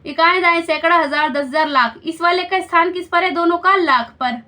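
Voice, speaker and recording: A woman's voice: extremely high pitch, moderate pace, pushed and bright. A woman teaching a school maths lesson step by step, patiently explaining and checking understanding with questions.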